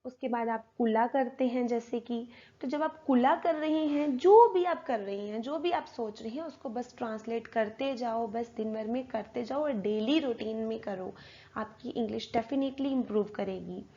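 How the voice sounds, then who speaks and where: A woman's voice: fairly high pitch, measured pace, warm tone. A woman teaching spoken English, explaining in Hindi and drilling pronunciation word by word. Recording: dull lo-fi recording.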